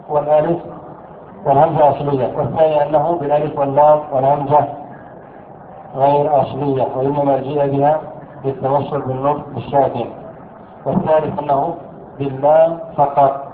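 A man teaching an Arabic grammar lesson. He asks his students questions, answers them himself and repeats key words slowly. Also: fairly high pitch, flat delivery, a little hiss or hum. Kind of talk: classroom lesson explaining a text. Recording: echoey room over a thin phone-like line.

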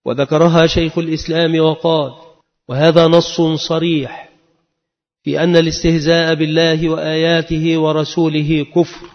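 A man's voice: a little high, little pitch movement, normal speed. A man giving a religious lesson, chanting verses melodically and reading scholars' definitions in a plain teaching voice. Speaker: Islamic lecturer. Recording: dull lo-fi sound with long reverb.

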